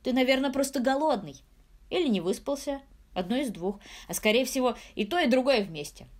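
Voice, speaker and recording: A woman reading a storybook, voicing an excitable, playful male lightning spirit who chatters eagerly. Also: high voice, a little fast, pitched above the performer's own voice. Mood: excited.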